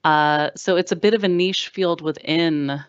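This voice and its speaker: An American woman in her thirties, a rail engineer giving a relaxed, chatty career talk over a video call. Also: lowish voice, unhurried, smooth, dry recording, highs cut off. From United States. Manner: relaxed, chatty, with many fillers. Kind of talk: presenting a slide talk.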